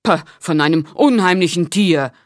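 A woman's voice: lowish voice, animated, moderate pace, no echo, studio quality, natural voice. A woman voicing a proud, touchy male winged lion who speaks in an offended tone and huffs between phrases.

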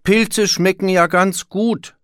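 A man's voice: sits high, slow pace, no room sound, clean studio sound, pitched above the performer's own voice. A man voicing a teasing, know-it-all young male wolf in a children's storybook reading. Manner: teasing, lively. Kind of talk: storybook read-aloud.

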